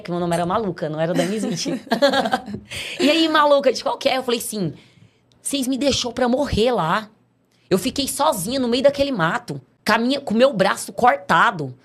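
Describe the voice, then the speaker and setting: A middle-aged Brazilian woman telling her life story as a podcast guest, acting out the voices of the people in her tale. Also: medium pitch. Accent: Brazilian Portuguese. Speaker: podcast guest giving a testimony. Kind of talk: casual storytelling testimony.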